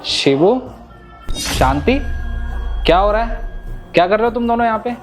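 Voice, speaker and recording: A man's voice: sits high, lively intonation, moderate pace, faint music behind. A man playing the stern male house owner, questioning his servants.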